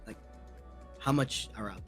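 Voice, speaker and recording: A man's voice: fairly low pitch, normal speed, faint music behind. A man guest chatting casually about voice acting, rambling with many fillers. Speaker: guest, aspiring voice actor. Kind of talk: casual interview chat.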